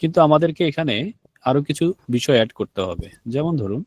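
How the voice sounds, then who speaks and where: A man's voice: medium pitch, animated, fast talker, a little mellow, dry recording. A man teaching an online language class, explaining step by step and asking his students questions. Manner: explains step by step, asks the students questions and repeats key words.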